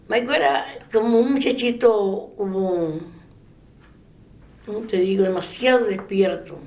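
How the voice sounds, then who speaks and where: An older woman telling a faith story in a relaxed interview. She laughs often and trails off mid-sentence. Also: medium pitch, creaky, a little hiss or hum. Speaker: interviewee sharing a faith testimony. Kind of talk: casual storytelling. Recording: echoey room.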